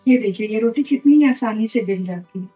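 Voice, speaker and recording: A woman's voice: on the high side, fairly quick, mellow. A middle-aged woman giving a cooking demonstration in her home kitchen, explaining each step while she works. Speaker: cooking instructor. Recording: light background music.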